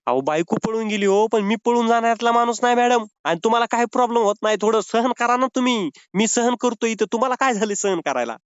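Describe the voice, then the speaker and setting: A man's voice: very high voice, fast talker, few pauses, clean tone, no echo. A man making a comic prank phone call, pleading and whining in a mock-sobbing way. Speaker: prank caller.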